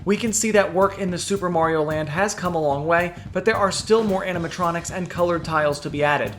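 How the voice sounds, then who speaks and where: A man's voice: high voice, brisk, a bit bright, slight background noise. A man reading a scripted voice-over as a video narrator, in an enunciated, presentational way. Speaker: theme park news video narrator.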